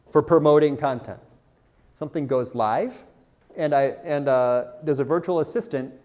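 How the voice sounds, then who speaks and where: A content marketer presents at a conference, his voice slightly high and somewhat mellow. He talks in a loose, frank, self-mocking way and keeps asking the audience questions.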